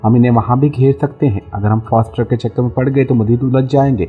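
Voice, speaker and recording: A man's voice: mid-range voice, fairly even intonation, fast, narrow, tinny audio, faint music behind, natural voice. A man voicing a cautious male army captain. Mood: earnest.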